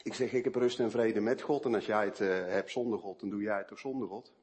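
A man preaching a sermon with personal testimony, swinging between hushed storytelling and emphatic outbursts. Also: lowish voice, steady tone, a little fast.

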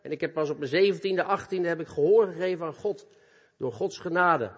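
A man delivering an earnest, animated sermon, turning often to speak straight to the young people listening. His voice sits a touch high and carries a slight husk. The sound hangs in the long reverb of a church hall. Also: fairly quick, husky. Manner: earnest, animated, addresses youth directly. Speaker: preacher.

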